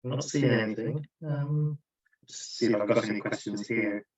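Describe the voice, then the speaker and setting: A man's voice: mid-range voice, moderate pace. A man hosting an online meeting and asking hesitant questions, his voice echoing back from a second device. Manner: hesitant, stops and restarts questions. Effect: echo from a second device. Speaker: meeting host taking questions. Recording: echoey, dull video call audio.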